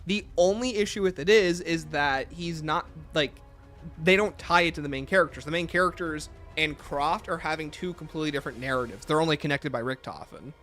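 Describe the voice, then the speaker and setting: Male livestream host, somewhat high bright voice, opinionated, talks back to chat, soft music behind. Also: brisk. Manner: opinionated, reads and answers chat aloud. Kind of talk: casual livestream commentary.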